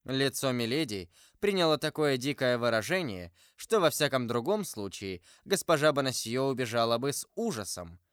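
A man narrating a classic novel as an audiobook, reading in an expressive literary manner. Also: medium pitch, normal speed, few pauses, clear, resonant tone, dry recording, studio quality. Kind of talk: scripted narration.

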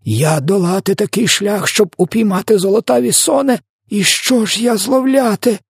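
Brief: man voicing a gentle old giant who twists his words, husky and swinging from hush to high alarm. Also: measured pace, dry recording, studio quality, full character voice. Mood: wailing. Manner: garbled grammar and made-up words, swings from hushed whisper to shrill wailing. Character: huge kindly old male giant who mangles words. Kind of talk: audiobook character voice.

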